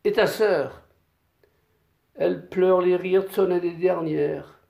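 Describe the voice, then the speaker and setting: A man playing a greedy, gruff old landowner. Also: sits high, fairly even intonation, takes it slowly, muffled recording, pitched above the performer's own voice, heavily acted. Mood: demanding. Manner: gruff, bullying, impatient. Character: rich greedy old male peasant-landowner, threatening. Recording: echoey room.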